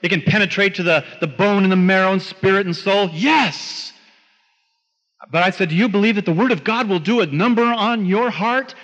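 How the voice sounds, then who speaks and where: High-voiced man preaching in an echoing hall. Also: fast talker, hardly any pauses, lo-fi sound. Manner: emphatic, animated storyteller with repeated phrases. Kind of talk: storytelling talk to a live audience.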